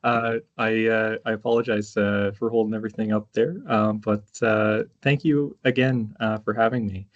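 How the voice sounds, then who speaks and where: A man giving a halting online conference presentation, hesitant and constantly pausing with uhs. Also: fairly low pitch, steady tone. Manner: hesitant, very frequent uhs and pauses. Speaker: conference presenter from a justice charity. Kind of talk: halting presentation on a video call. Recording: dull, lo-fi online call audio.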